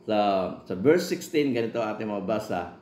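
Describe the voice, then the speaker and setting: A man gives a sermon in a lowish, steady voice, reading verses aloud at a slow, careful pace. His words ring in a roomy, echoing space. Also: a little hiss or hum. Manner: measured, reads scripture aloud slowly, many fillers. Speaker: preacher. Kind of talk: sermon, Bible teaching. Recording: roomy echo.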